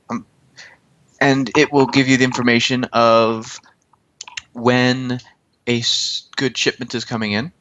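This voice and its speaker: A game master voicing a businesslike male fixer who hires runners in a tabletop role-play stream, speaking in his own plain voice. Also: medium pitch. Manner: calm, plain-spoken, ruthless demands. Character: male Mister Johnson, cold businesslike corporate fixer.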